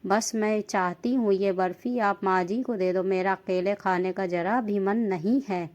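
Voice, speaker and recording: A woman voicing a young wife who speaks softly and pleadingly. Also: medium pitch, fairly even intonation, unhurried, lo-fi sound, close to an everyday voice. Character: young wife, soft and emotional.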